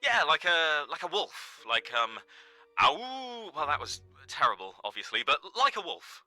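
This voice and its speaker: A man playing a sheepish, nervous caller on a game's radio show, speaking haltingly. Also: a little high, wildly swooping pitch, pushed and bright, no echo, faint music behind, full character voice. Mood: uneasy. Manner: hesitant, halting. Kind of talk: dramatic game dialogue, phone-in confession.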